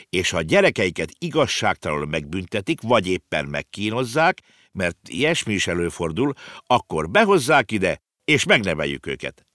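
A man's voice: dry recording, clean studio sound. A man voicing an earnest, know-it-all little girl in an audiobook reading. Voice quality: high, lively, explaining.

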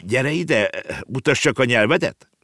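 A man's voice: medium pitch, expressive, fairly bright tone, no echo, clean studio sound, pitched above the performer's own voice. A man playing a stern, scolding father. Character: stern, exasperated middle-aged father.

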